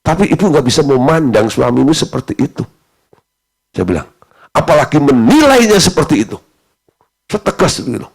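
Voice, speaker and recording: A middle-aged Indonesian male pastor preaching with lively storytelling, often mimicking the voices of people in his anecdotes. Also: on the high side, moderate pace, creaky, pauses often, breathy edge. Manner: animated, mimics voices in anecdotes, frequent "ya" and "nah". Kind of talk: sermon with storytelling.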